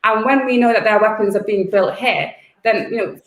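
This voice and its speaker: A woman's voice: mid-range voice, moderate pace, reverberant. A woman activist raised in the UK, talking fervently and bluntly as a guest in an interview, repeating words as she presses her points. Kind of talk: impassioned interview talk.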